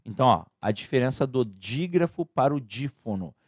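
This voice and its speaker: A man's voice: medium pitch, animated, normal speed, darkish tone, dry recording. Male teacher, casual exam-prep lecture, chatty and informal, dry close sound. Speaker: Portuguese grammar teacher.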